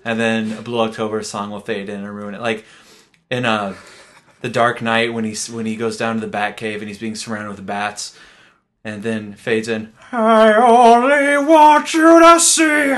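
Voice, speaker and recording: A man's voice: fairly low pitch, level tone, normal speed, fairly bright tone. A young man hosting a podcast, talking casually in a rambling, joking way. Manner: rambling, jokey, full of fillers and restarts. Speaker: podcast host. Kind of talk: casual chat.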